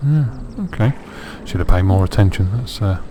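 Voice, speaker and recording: A man's voice: deep voice, lively intonation, normal speed, noisy background. A man with a sore throat giving dry, wry let's play commentary on a strategy game. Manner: dry, wry self-mocking asides. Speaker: gameplay commentator.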